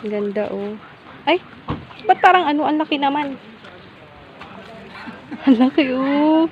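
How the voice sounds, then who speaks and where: A woman's voice: high-pitched, lively intonation, muffled recording. A woman vlogging casually while walking outdoors at waterfalls, chatty and exclaiming, laughing often. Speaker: travel vlogger. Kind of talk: casual travel vlog narration. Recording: loud rushing waterfall noise outdoors.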